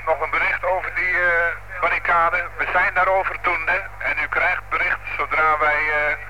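A man's voice: on the high side, flat delivery, normal speed. A man at a police command post, giving orders over a walkie-talkie in clipped radio procedure, closing with "over". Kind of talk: two-way radio traffic. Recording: crackly archival radio transmission.

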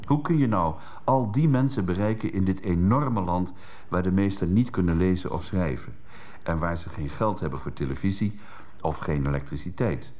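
A man's voice: low-pitched, lo-fi sound. A man reading a radio column from a radio studio with wry, sarcastic asides, heard on an old worn tape.

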